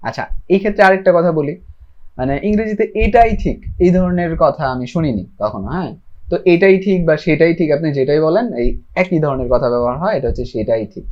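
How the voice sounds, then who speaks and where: A man's voice: mid-range voice, darkish tone. A man from Bangladesh giving a casual spoken lesson, patiently explaining common phrases and repeating them with their meanings. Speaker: teacher sharing English learning. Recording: dull lo-fi recording.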